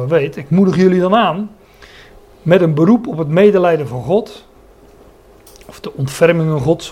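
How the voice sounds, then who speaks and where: A man's voice: on the high side, warm tone. A man preaching a Bible sermon, often stopping to search for words and restate a phrase, and explaining the meanings of Greek words.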